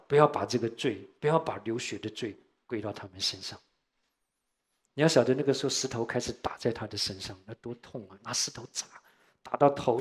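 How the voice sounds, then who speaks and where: Earnest male preacher with a mid-pitched voice. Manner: earnest preaching with many "ah" fillers, loud on key phrases then dropping soft. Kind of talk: sermon.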